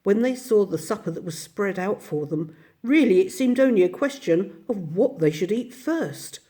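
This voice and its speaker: Mellow-voiced woman reading a storybook. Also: medium pitch, expressive, normal speed. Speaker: narrator.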